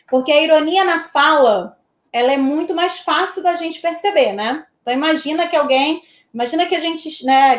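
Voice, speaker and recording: A woman from Brazil leads an online exam-prep lesson with a high voice. She keeps it chatty, checking in with her students after nearly every point. The room around her is echoey. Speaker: teacher.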